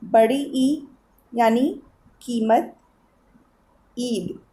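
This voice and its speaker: Slow, patient woman teaching young pupils. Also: a little high, fairly even intonation, warm tone. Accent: Eastern Uttar Pradesh Hindi. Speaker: school teacher. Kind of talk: Hindi grammar lesson for children.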